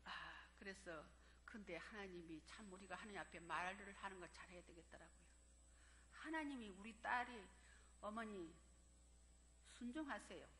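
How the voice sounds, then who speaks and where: An older woman pastor preaching a heartfelt sermon, with dramatic swings from hushed storytelling to loud cries. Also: mid-range voice, moderate pace, slight background noise. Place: church sanctuary. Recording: echoey church hall with long reverb.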